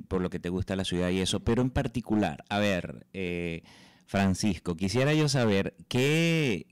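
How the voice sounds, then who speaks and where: A man's voice: low-pitched, a little mellow, smooth, dry recording, studio quality. A man, hosting a casual interview, hesitant and repeating words as he looks for them. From Venezuela. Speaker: podcast host.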